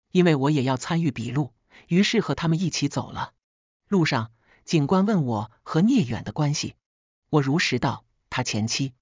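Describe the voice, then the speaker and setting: Husky woman narrating a first-person story. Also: low voice, a little mellow, no room sound, muffled recording.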